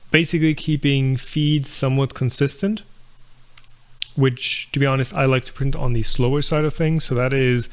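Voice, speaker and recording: A man's voice: medium pitch, vocal fry. A young man hosting a live viewer Q&A, thinking aloud with lots of fillers and restarts. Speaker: channel host answering viewer questions. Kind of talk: casual live Q&A about 3D printing.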